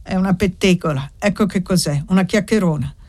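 A woman reading as a gruff weary village priest. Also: lowish voice, brisk, a little mellow, natural voice. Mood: grumbling. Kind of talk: audiobook character reading.

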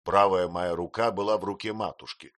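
A man narrating a literary audiobook in an expressive storytelling manner. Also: deep voice, fairly quick, no echo.

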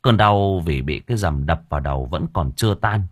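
Guy reading a story aloud, kinda husky, super animated. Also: deep voice, a little fast. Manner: vivid, expressive. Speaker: audiobook narrator. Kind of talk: storytelling narration.

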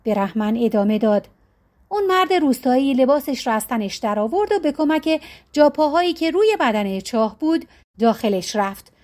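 A woman narrating a folk tale audiobook in a steady, clear storytelling manner. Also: high voice.

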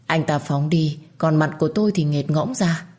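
A woman reads a first-person story aloud with a calm, reflective delivery. Her voice is notably low for a woman. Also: normal speed.

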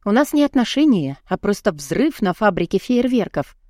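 A woman narrating a first-person audiobook, expressive and emotional. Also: medium pitch, moderate pace, no room sound, clean studio sound.

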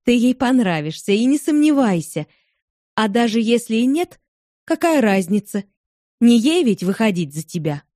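A woman's voice: a little high, big pitch swings, moderate pace, dark tone, no room sound, clean studio sound. Woman voicing an ardent young heiress. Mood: determined. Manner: eager, emphatic.

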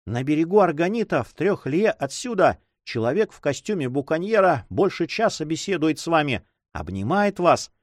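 A man's voice: fairly high pitch, very animated, moderate pace, hardly any pauses, no echo, studio quality, pitched above the performer's own voice. A man voicing an anxious, pleading noblewoman who runs an inn, in a raised voice in an audiobook. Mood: urgent. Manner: insistent, pleading.

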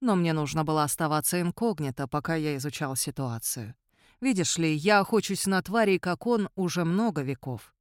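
A woman doing an ancient, calm vampire count. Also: fairly high pitch, clear, resonant tone, no room sound, studio quality, voice pushed down, natural voice. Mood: calm, solemn. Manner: quiet, measured, coolly superior. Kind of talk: audiobook character voice.

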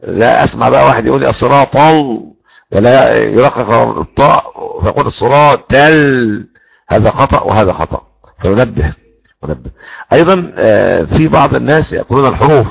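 A man teaching the readings of the Quran in a religious lesson, explaining and slowing down to chant the verses he cites. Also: medium pitch, animated, creaky, husky, dull audio.

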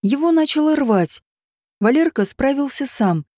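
A woman narrates a story in a steady, even manner. Her voice sits a little high yet sounds mellow and soft-edged, recorded close and dry with no room around it. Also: measured pace, dry recording. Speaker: audiobook narrator. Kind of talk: scripted narration.

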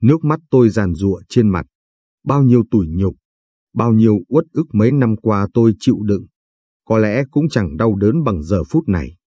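A man's voice: lowish voice, animated, normal speed, warm tone, slightly rough, dry recording. A man narrating a dramatic first-person audio story with emotional delivery.

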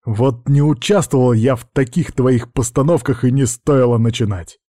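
A man's voice: mid-range voice, unhurried, dark tone, dry recording, clean studio sound, natural voice. A man voicing a hot-tempered lord of the djinn who speaks in desperate, pleading outbursts. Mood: seething.

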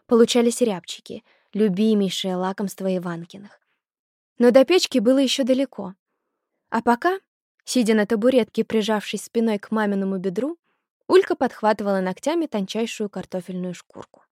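A woman narrating a novel as an audiobook, reading in a measured, expressive way. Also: medium pitch, dry recording, clean studio sound. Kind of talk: scripted narration.

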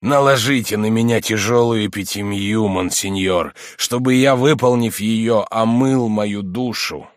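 Storybook figure: man reading as a frightened guilt-torn monk, low and pleading, dry sound. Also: measured pace, hardly any pauses, no echo, close to an everyday voice. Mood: remorseful.

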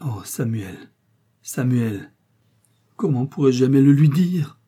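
A man voicing a bossy, domineering middle-aged wife who fires off sharp, impatient questions. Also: medium pitch, moderate pace, slightly rough, natural voice. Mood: dismayed.

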